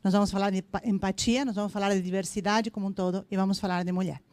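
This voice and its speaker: A woman's voice: medium pitch, fairly even intonation, quick pace, a little mellow, dry recording. A woman in her fifties from Argentina, with an Argentine accent, giving a chatty, joking talk at a corporate event with hesitant fillers. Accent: Argentine Spanish. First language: Spanish. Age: 50s. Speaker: invited speaker.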